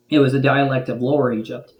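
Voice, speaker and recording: A man's voice: mid-range voice, muffled recording. A man who is a guest linguist, explaining thoughtfully in conversation with frequent ums and restarts. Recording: roomy echo.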